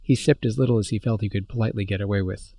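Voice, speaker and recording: A man reading a science fiction story aloud as narrator, in a steady, measured way. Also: lowish voice, vocal fry, no room sound.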